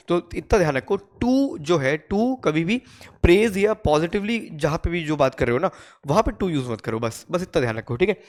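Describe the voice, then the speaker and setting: A man from India with an Indian accent, explaining English grammar to learners, often asking if they follow and reading examples slowly. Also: fairly high pitch. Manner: repeats "ठीक है?" to check understanding, reads English examples slowly. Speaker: English teacher.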